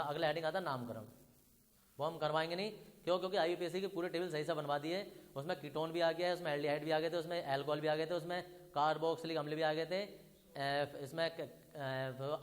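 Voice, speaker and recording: A man teaching a chemistry class, explaining step by step and speaking directly to his students. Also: on the high side. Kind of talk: classroom lecture.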